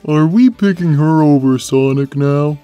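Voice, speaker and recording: A man voicing a big, simple-minded, gentle cartoon cat who talks slowly and placidly, taking everything literally. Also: fairly high pitch, dull audio, soft background music, natural voice. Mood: mildly puzzled. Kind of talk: cartoon character answering fan questions.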